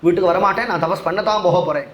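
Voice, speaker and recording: A man's voice: high voice, rapid-fire, reverberant, lo-fi sound, voice pushed down, close to an everyday voice. A man voicing a determined young goddess, speaking defiantly and insistently in a devotional storytelling discourse. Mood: resolute.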